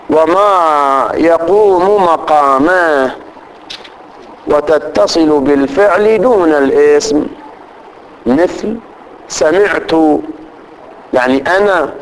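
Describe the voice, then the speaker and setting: A man teaching grammar to a class, reciting lists of pronouns slowly and often checking that students follow. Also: a little high, low-quality recording. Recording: faint background noise.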